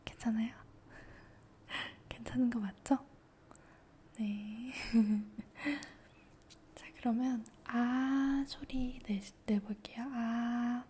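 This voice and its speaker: A woman whispers very slowly and gently in a mellow, higher-pitched voice, playing a doctor during a calm checkup. Her tone stays patient and reassuring throughout. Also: a little hiss or hum. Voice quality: soft whisper. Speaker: ASMR doctor roleplay. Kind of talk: whispered ASMR roleplay.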